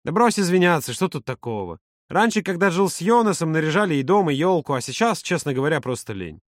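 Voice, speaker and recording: A man voicing a lively, teasing young man in an audiobook, pitched higher than his narration. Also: quick pace, no echo, studio quality. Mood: easygoing. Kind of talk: audiobook character voice.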